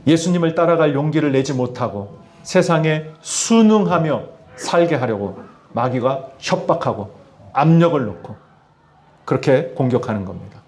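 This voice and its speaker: A man's voice: on the high side, normal speed. A middle-aged male pastor preaching a sermon to his congregation, often asking them questions. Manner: addresses congregation with questions, lively emphasis. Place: church in Tianjin, China.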